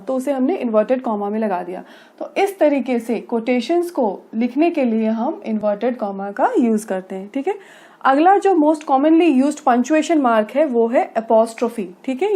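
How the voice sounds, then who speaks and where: Grammar teacher, female, high-pitched voice, patient and repetitive explainer. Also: dark tone. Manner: explains slowly, checking understanding with frequent tag phrases; reads English examples slowly and carefully. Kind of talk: classroom-style grammar lesson.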